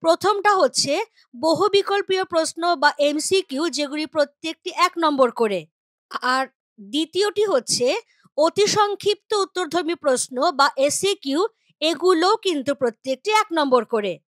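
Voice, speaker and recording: A woman's voice: sits high, lively intonation, moderate pace, fairly bright tone, no echo, clean studio sound. A woman teacher from West Bengal explaining a grammar lesson patiently, with spoken examples.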